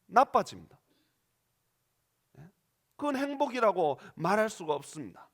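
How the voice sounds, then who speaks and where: A man's voice: high-pitched, very animated, moderate pace, fairly bright tone. A male pastor preaching a sermon in a church, dramatic and questioning the congregation as he acts out quoted voices. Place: church sanctuary.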